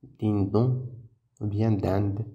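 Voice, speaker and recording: Man, very slow phonics teacher, gravelly low voice, repeats each syllable. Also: steady tone, lo-fi sound. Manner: patient, repeats syllables and words aloud. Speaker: primary school teacher. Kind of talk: slow phonics lesson for children.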